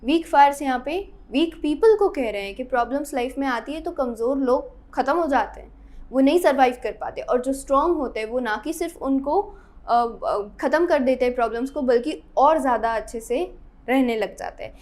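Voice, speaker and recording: A woman's voice: high-pitched, expressive, fairly quick, a little mellow. A young woman teaching an English grammar lesson, explaining step by step and checking in with her students often.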